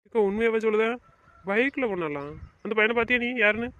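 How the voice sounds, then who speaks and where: Brief: man as a stern young husband, quick clipped orders, muffled lo-fi audio. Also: high-pitched, expressive, fairly bright tone, dry recording. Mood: alarmed. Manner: brisk, bossy, gives orders. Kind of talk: family web-series drama acting.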